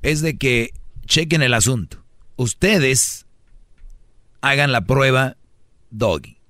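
A man with a Mexican accent hosts a radio show, preaching comic advice at his listeners. He fires off rhetorical questions in a joking, lecturing tone. His mid-pitched voice sounds dry and close, with no room echo. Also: expressive, takes it slowly, pushed and bright. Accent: Mexican Spanish.

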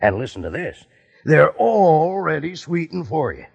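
An actor playing a folksy cowboy pitchman who drawls heartily in an old radio commercial. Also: big pitch swings, unhurried, vocal fry, husky, exaggerated voice. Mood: hearty. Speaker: ad announcer. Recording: slightly dull old radio recording.

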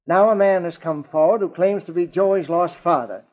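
Formal, measured police inspector male actor, old radio drama, slightly high pitch, dull vintage recording. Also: close to an everyday voice. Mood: official. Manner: official, measured.

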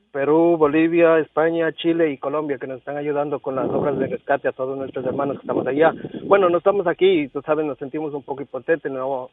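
A man's voice: a little high, dry recording, recorded from a distance. A man co-hosting a radio show, telling jokes animatedly and acting out the voices in them. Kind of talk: joke telling and radio chat. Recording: tinny phone-like radio sound.

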